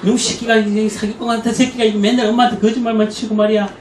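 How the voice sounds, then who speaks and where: A man's voice: high voice, flat delivery, quick pace, natural voice. A man voicing a foul-mouthed, scolding middle-aged churchgoing mother who curses at her child. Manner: harsh, cursing scolding. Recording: echoey room, distant mic, faint noise.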